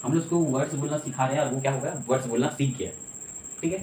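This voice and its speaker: A man's voice: mid-range voice, fast talker, warm tone, slight background noise. A man teaching an English lesson in a lecture style, explaining step by step and often checking that his students follow. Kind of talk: classroom lecture. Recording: echoey room.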